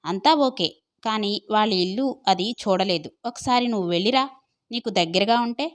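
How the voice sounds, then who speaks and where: A woman's voice: medium pitch, fairly quick, natural voice. A woman voicing a caring middle-aged mother who talks in a practical, reassuring way in an audio story.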